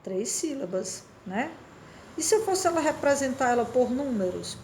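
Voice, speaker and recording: A woman's voice: sits high, animated, moderate pace, a little mellow, slight background noise. A Brazilian woman teacher giving a patient lesson, often checking in with her listeners and sounding words out syllable by syllable. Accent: Brazilian Portuguese. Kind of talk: slow classroom explanation.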